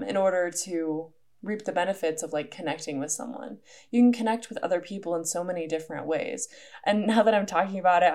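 A woman's voice: lowish voice, darkish tone. A young adult woman hosting a solo podcast, talking in a casual, earnest way with many fillers. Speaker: podcast host.

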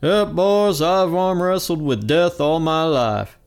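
A man's voice: a little high, takes it slowly, smooth, soft background music, voice pushed up. A man doing a folksy old man with a lifted voice.

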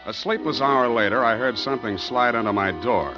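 An actor playing a wry, tired private detective who narrates a 1940s radio drama with dry wisecracks. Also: male voice, medium pitch, fairly quick, natural voice. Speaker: narrator and lead. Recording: dull old radio recording with music.

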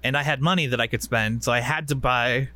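A man's voice: medium pitch, fairly quick, bright, forceful tone. A man co-hosting a casual chat podcast, laid-back and joking, often laughing as he talks. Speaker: podcast co-host.

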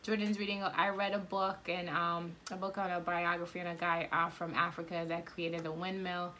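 A woman's voice: on the low side, level tone, moderate pace, bright, forceful tone, slight background noise. A woman from Guyana in her thirties, talking candidly and rambling with lots of fillers in a casual podcast chat.

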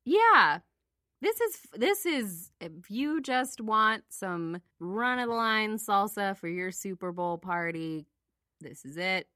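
A woman's voice: medium pitch, expressive, slow pace, sharp tone, dry recording, studio quality. A woman co-hosting a casual snack taste test, giggly and playful, reading the packaging aloud. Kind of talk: casual chat.

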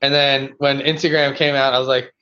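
A male podcast guest talks casually and haltingly, often sounding unsure. His mid-pitched voice comes through slightly muffled, low-fidelity audio. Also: flat delivery, sharp tone, smooth. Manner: hesitant, unsure. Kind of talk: casual chat. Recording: dull lo-fi microphone sound.

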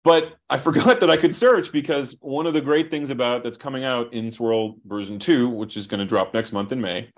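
A man, a software company founder, talking over a video call while he shares his screen and explains his product, brisk and thinking aloud with restarts. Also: mid-range voice. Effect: heard over a video call.

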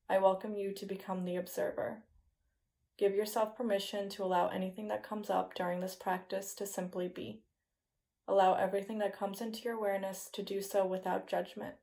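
A woman guiding a yoga nidra meditation in a slow, soothing, hypnotist-like manner with soft phrase endings. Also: medium pitch, gravelly. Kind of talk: guided meditation, scripted relaxation narration.

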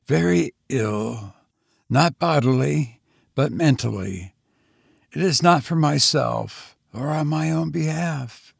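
A man voicing a veiled woman in mourning, low and pleading. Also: animated, slow pace, creaky, slightly rough, no echo, studio quality, heavily acted. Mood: anguished. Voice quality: low, deep voice. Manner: desperate, earnest pleading. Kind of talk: audiobook character voice.

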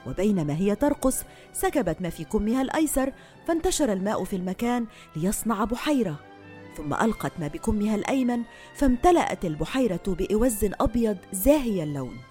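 Woman doing fireside storytelling, folk tale, really expressive up and down voice, bit of music behind. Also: mid-range voice. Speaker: storyteller host. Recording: music under the voice.

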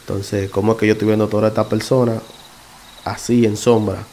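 A man recounts his own experience in a relaxed, conversational way, pausing and correcting himself as he goes. His voice sits a little low and sounds soft and mellow. A faint noise stays in the background. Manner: halting, self-correcting, conversational. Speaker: podcast narrator. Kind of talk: casual first-person storytelling.

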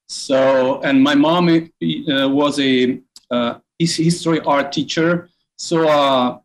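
A man from Rome with an Italian accent, speaking English as a tour guide in an interview, halting and restarting his sentences. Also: medium pitch, rough recording. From Rome, Italy. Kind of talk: interview on a call.

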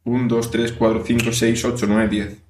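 A man's voice: mid-range voice, flat delivery, darkish tone, far from the mic, a little hiss or hum. A man under hypnosis, answering in a drowsy, hesitant way. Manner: drowsy, hesitant, slow counting. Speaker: guest being hypnotized. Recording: roomy, off-mic.

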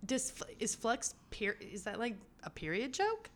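A woman's voice: fairly high pitch, sing-song, a little slow. A woman co-hosting a podcast, chatting casually and swearing as she recaps an episode. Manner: chatty, swearing, laughing often. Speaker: podcast co-host.

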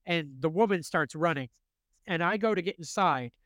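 Young man, podcast host, casual storytelling, swears a lot, fairly high voice, dry close sound. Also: normal speed, dry recording. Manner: animated, swears freely, acts out quotes.

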